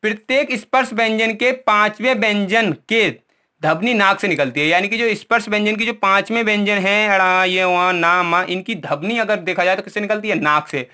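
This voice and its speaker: A male Hindi teacher in an exam-prep lesson, with a high, bright, ringing voice. He quizzes the class and answers his own questions, checking in after each point. He walks through memory tricks while pointing at what he has written. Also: moderate pace, smooth. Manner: repeats "ठीक है" often, asks questions and answers them himself.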